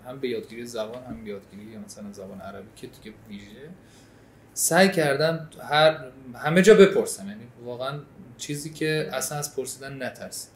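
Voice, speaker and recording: A man's voice: mid-range voice, lively intonation, echoey room. A man from Iran co-hosting a casual chat, telling stories in an earnest, chatty way. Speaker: co-host.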